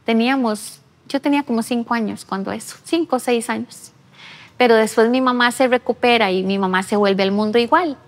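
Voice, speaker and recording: A woman's voice: on the high side, brisk. A woman, telling her personal faith testimony earnestly in an interview at a church. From Costa Rica. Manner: earnest storytelling, re-enacting her own past words. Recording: long reverb of a large room.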